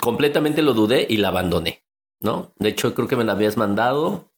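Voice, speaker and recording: A man's voice: medium pitch, lively intonation, brisk, gravelly, slight background noise. A man, co-hosting a podcast in casual chat, rambling and joking as he stops and restarts his sentences. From Mexico City. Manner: rambling, self-interrupting, joking. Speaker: podcast co-host.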